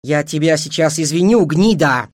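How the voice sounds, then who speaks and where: A man voicing a fierce, hot-tempered young clan woman with a sharp, commanding manner in an audiobook. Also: deep voice, normal speed, no room sound, clean studio sound, voice pushed up. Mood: furious.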